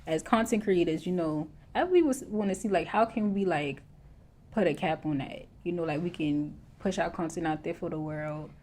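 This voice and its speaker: Woman, very mellow tone, lowish pitch, Gullah Geechee Lowcountry accent, colloquial casual chat. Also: moderate pace. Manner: colloquial dialect speech. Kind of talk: casual conversation.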